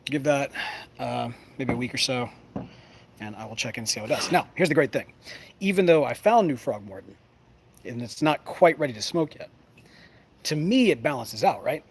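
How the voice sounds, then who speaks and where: A man's voice: medium pitch, animated, moderate pace, pauses often. A man chatting casually to camera as a show host, folksy and playful, often rambling and breaking off mid-thought. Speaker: host of a pipe smoking show. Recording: clear background noise, ambient sound.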